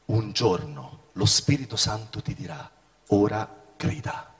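Middle-aged male preacher, fiery sermon delivery with big swings in volume, lively pitch, recorded in a reverberant hall. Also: unhurried. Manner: impassioned, swings from shouting to hushed.

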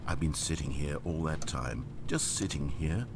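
A man's voice: very deep voice, moderate pace, a crowd in the background. An actor playing a lonely, long-winded male narrator in a video game, dramatic and theatrical. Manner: theatrical storyteller, swings from pleading to ranting.

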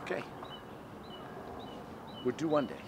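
An actor playing a brash, swearing street hustler who offers himself as a guide, in a low-budget student film shot outdoors. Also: male voice, very animated, slow pace. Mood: cocky. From Morocco. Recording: noisy outdoor street sound.

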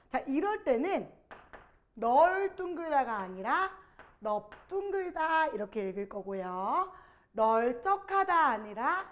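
A woman with a high voice teaches a grammar lesson, putting questions to her students and stretching out the example words. The audio is a little dull and lo-fi.

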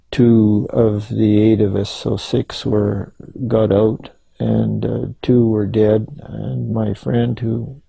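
Older male interviewee, gravelly and husky, halting storyteller, dry close sound. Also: on the low side, dark tone, no room sound, low-quality recording. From Canada. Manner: halting, rambling storytelling with many restarts. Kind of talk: oral history interview.

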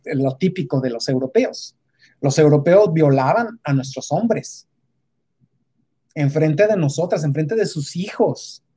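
With a low, mellow, husky voice, a woman delivers a casual but emphatic opinion piece. She keeps stopping to restart or hesitate and repeatedly tacks on rhetorical questions.

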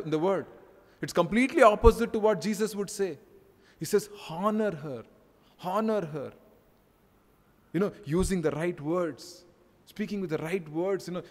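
Indian-accented pastor preaching in a hall. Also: male voice, on the high side, darkish tone. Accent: Indian English. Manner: earnest preaching with frequent "you know" and repeated phrases. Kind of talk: sermon. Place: church hall.

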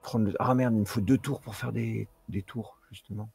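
Male co-op gamer, deep and gravelly, relaxed conversational chat during play. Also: normal speed. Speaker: co-op gaming partner. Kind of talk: casual chat during a strategy game.

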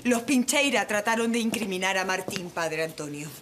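Una actriz que interpreta a una mujer indignada que habla con desprecio. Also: female voice, mid-range voice, lively intonation, moderate pace, background noise, close to an everyday voice. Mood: scornful. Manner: scornful. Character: indignant woman condemning bandits.

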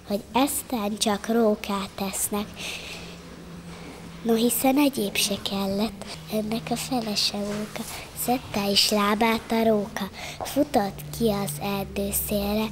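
Woman reciting a kids' rhyme, middle pitch, steady verse rhythm, little hiss behind. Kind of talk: reciting a rhymed children's poem.

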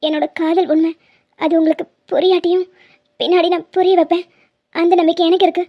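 Cartoon role: woman playing a scheming, lovesick young woman, very high voice, dull sound. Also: level tone, fairly quick. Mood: pleading. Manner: pleading, insistent.

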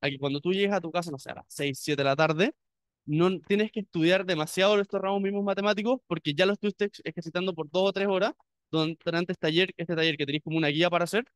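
A young Chilean man talks quickly and informally to prospective students, tripping over his words and restarting often. His voice is smooth and clear, a little higher than most men's, and sits in a dry, close sound. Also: steady tone, dry recording. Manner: chatty, many restarts. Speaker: university student.

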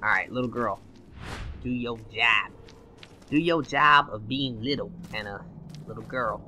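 A young man doing let's play commentary, excitable and swearing at the game, his voice going hoarse. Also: mid-range voice, unhurried, soft background music. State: losing his voice. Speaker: gaming channel host.

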